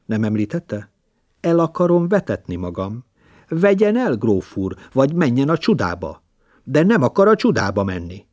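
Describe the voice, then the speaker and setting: A man's voice: medium pitch, big pitch swings, darkish tone, no room sound, clean studio sound. A man voicing a scheming young actress who talks in a mocking, showy way.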